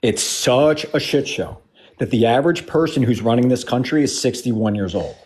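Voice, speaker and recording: A man in his forties pressing his case in a heated argument, blunt and emphatic, circling back to the same points. His voice sits in an ordinary middle pitch. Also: animated, normal speed, darkish tone. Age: 40s. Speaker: debate participant.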